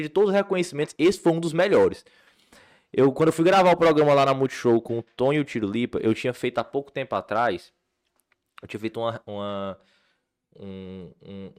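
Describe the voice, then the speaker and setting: A man from Ceará, a comedian telling stories in a casual chat, full of fillers and restarts. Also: medium pitch. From Ceará, Brazil. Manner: animated storyteller, many fillers and restarts. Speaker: comedian guest.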